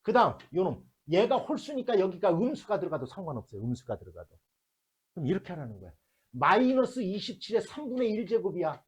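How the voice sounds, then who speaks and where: A math teacher with a mid-range, breathy-edged voice and big pitch swings lectures a classroom at a fast clip. He works through problems step by step, constantly checks whether students follow, and mixes blunt casual talk with polite endings.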